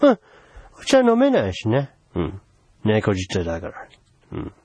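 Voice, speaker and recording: A man's voice: fairly low pitch, wildly swooping pitch, a little slow, dark tone, husky, no echo, exaggerated voice. A man playing a pushy, teasing older foreign envoy in a solo comedy sketch, wheedling in broken Japanese with English phrases.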